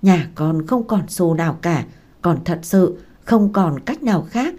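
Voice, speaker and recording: A woman's voice: fairly low pitch, animated, dark tone. Woman doing a desperate pleading young woman. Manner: pleading, halting, choked up. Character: poor young woman begging for a loan, desperate.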